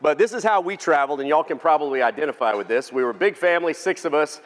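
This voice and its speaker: A man with a Texan drawl delivers a lighthearted keynote, cracking jokes and polling the crowd. His voice sits a little high for a man. The sound rings with the long reverb of a large banquet hall. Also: expressive, fast talker. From Texas. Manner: folksy, joking, engages the audience. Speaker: keynote speaker. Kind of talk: humorous keynote speech.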